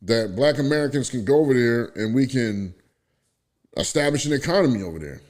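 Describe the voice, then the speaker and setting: Hosting a casual podcast chat, a man from the Bronx, New York speaks a little fast in a mid-range voice. He's an animated storyteller who voices the characters he quotes.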